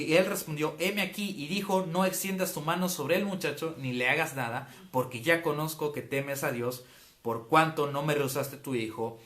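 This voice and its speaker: A man's voice: medium pitch, a bit bright. A man giving a casual, conversational Bible teaching as a preacher, often checking in with his listeners. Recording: roomy echo.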